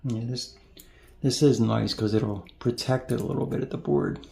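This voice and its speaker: Working on electronics at his home bench, a man mumbles and thinks aloud in casual narration. His voice is mid-range with vocal fry, fairly even in intonation and at a normal speed. Loud background noise and an echoey room fill the recording.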